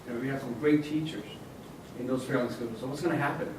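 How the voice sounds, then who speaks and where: A male legislator addresses a panel audience, his remarks halting and full of fillers. He sounds distant from the mic, with heavy room echo and a clear hum of noise behind him. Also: medium pitch, fairly even intonation. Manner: halting, many fillers and restarts. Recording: echoey hall, distant mic, noisy.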